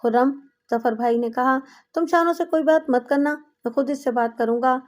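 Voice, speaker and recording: Woman reading stern older guy, commanding, but high voice, audiobook. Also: a little mellow, natural voice. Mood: firm. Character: stern older brother figure, protective man.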